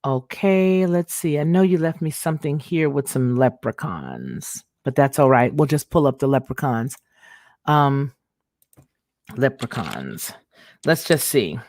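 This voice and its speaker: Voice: medium pitch, big pitch swings, a little mellow, dry recording. A livestream host talking casually, rambling and restarting sentences while reading viewer comments aloud and answering them. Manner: talks back to chat with quick affirmations.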